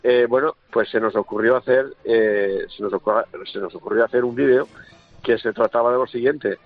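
A man's voice: mid-range voice, normal speed, dry recording, soft background music. A man calling in to a radio show, telling a story hesitantly, with many fillers, over a phone line. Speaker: caller. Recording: tinny dry phone line.

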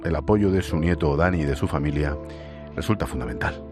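A man's voice: a bass voice, fairly quick, music in the background. A man hosting a radio segment, reading a scripted narration and then chatting informally with a guest. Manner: informal with guest, calls him macho and tío. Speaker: radio host.

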